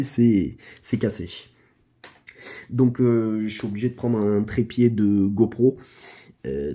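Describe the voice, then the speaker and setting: A man's voice: lowish voice, dark tone, slightly rough. A man giving a casual laptop review, talking informally with many hesitations, fillers and restarts, and the odd joke. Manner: chatty, informal, joking. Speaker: tech reviewer.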